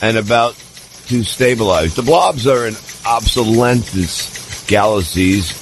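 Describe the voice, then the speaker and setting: Over a noisy background, a man with a fairly low, animated voice reads a comedic mock newscast a little slowly as the anchor. He keeps stumbling over words and getting their pronunciation wrong on this comedy show.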